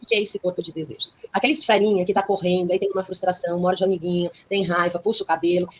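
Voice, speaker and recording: A woman's voice: on the low side, level tone, rapid-fire, a little hiss or hum, low-quality recording. A woman speaking as a guest on a talk program. She explains ideas in a teaching way, uses everyday examples and often checks in with tag questions. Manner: didactic, with frequent tag questions.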